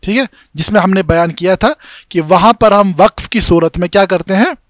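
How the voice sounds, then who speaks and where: A Kashmiri man lectures on recitation rules in a fairly high voice, moving through each rule step by step. He keeps pausing to ask whether his students are following. The sound is close and dry, with no room around it. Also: no room sound. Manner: chants Arabic examples slowly and drawn out. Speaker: tajweed instructor. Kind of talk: classroom lecture with slides.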